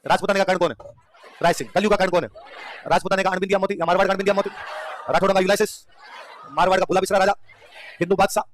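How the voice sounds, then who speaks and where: A man's voice: high-pitched, steady tone, rapid-fire, pauses often, a little hiss or hum. A man teaching an exam revision lecture, firing questions at the class and repeating them, with laughter between points. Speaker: history teacher.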